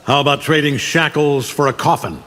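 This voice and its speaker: A man's voice: on the high side, normal speed, close to an everyday voice. An actor playing Omni-Man, an arrogant alien superhuman father in a video game, smug, menacing and condescending. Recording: long reverb, faint background noise.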